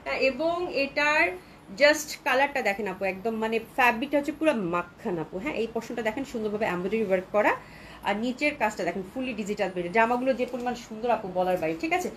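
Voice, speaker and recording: A woman with a Bangladeshi Bengali accent hosting a live clothing sale, chatting with viewers and repeating prices, with a cold that keeps her speaking softly. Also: on the high side, expressive, fast talker, a little hiss or hum. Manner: chatty, repeats prices, mixes in English words. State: has a cold, talking softly to avoid coughing. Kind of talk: live sales chat with viewers.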